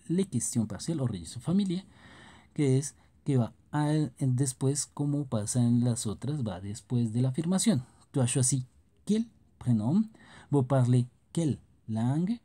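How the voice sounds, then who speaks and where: Dark husky man teaching French grammar. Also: mid-range voice. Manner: explains in Spanish, reads French examples slowly. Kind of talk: scripted grammar lesson narration.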